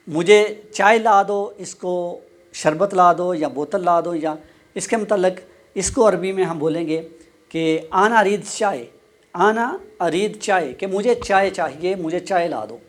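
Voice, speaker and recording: A man giving a casual spoken lesson, explaining Arabic phrases slowly and repeating each one. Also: high voice. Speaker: Arabic language teacher. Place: Pakistan.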